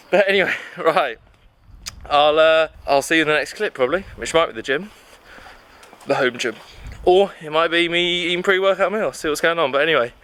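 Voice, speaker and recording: A man's voice: a little high, pushed and bright. A man chatting casually to his camera as a fitness vlogger, upbeat and loose, with plenty of fillers. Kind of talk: casual vlog chat. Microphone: handheld camera.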